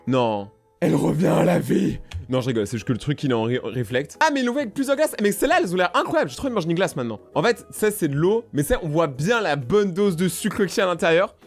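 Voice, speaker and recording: A young man joking his way through casual reaction commentary, excitable and hopping from one topic to the next. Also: fairly high pitch, very fast, few pauses, faint music behind. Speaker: YouTuber reacting to videos.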